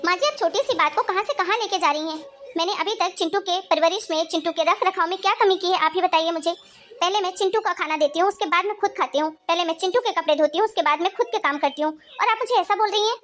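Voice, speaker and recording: A woman's voice: very high voice, quick pace, fairly bright tone. A woman voicing a hard-working young wife in a cartoon story, earnest and indignant as she defends herself. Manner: earnest, indignant, pleading her case.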